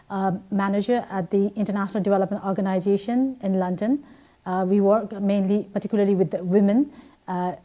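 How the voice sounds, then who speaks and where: A woman from Nepal, in her thirties, answers questions as a guest on a TV interview. Her voice is mellow and warm, and she pauses often with fillers and restarts mid-sentence. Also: medium pitch. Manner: hesitant, many fillers and restarts.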